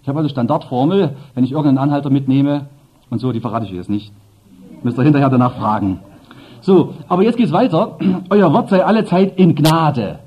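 A man's voice: a little high, animated, brisk. A man preaching a sermon, speaking emphatically and addressing the congregation with asides. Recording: dull lo-fi sermon recording.

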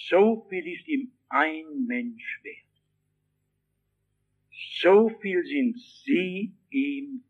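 A man preaching a sermon, addressing his listeners directly and telling a story in which he acts out the shouting voices. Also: sits high, breathy edge, phone-quality sound.

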